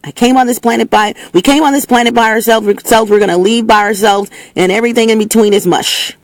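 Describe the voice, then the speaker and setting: In her own opinion segment, a woman talks quickly and casually, pressing her points in a preachy, emphatic manner with many restarts and repetitions. Her tone stays steady, and her voice is slightly hoarse and pitched lower than usual. There's no echo on the audio, captured through a recording setup with a level meter.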